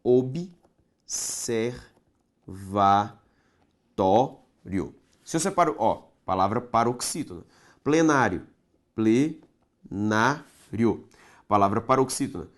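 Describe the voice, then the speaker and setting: A man's voice: medium pitch, big pitch swings, fairly quick, fairly bright tone. A man teaching a grammar lesson for exam prep, stretching out syllables and asking himself rhetorical questions.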